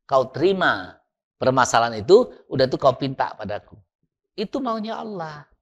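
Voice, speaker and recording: A man's voice: mid-range voice, sing-song, moderate pace, a bit bright, muffled recording. A man preaching at a mosque study session, quizzing his listeners and spelling words out letter by letter.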